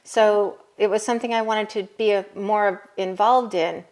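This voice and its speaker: A woman's voice: mid-range voice, fairly even intonation, moderate pace, a little mellow. Woman college counselor explaining her work. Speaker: college counselor and business owner. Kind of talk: interview answers.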